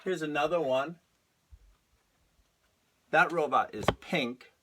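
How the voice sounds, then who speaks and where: Slow-speaking male art teacher. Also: on the high side, background noise. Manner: slow, patient, spells things out. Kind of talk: lesson for young children.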